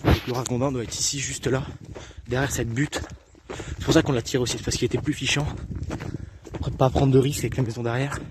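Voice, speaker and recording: A young man chats excitedly in slangy, casual bursts as he films his hunt out in open fields. His voice sits at an ordinary middle pitch. Loud outdoor noise from the camera mic rumbles under every word. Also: fast talker. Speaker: hunter filming his outing. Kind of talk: casual outdoor vlog commentary.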